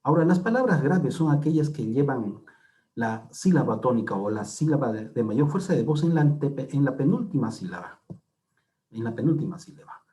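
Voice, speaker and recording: A man gives a classroom-style lecture in a mellow, darker voice at an ordinary pitch. He explains step by step, repeating key words and tossing in little tag questions to check that his listeners follow. His delivery is patient and measured. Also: animated. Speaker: teacher.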